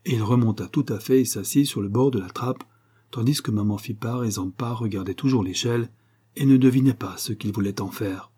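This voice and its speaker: Male audiobook reader, steady measured narration, husky, dark tone. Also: mid-range voice. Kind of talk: audiobook narration of a classic novel.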